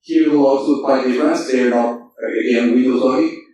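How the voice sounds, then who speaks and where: A man gives a technical talk at a conference in a voice of ordinary pitch. He speaks haltingly, restarting phrases and correcting himself. His voice is picked up from a distance and rings through a very echoey hall. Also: fairly even intonation, dark tone. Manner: halting, with many fillers and self-corrections.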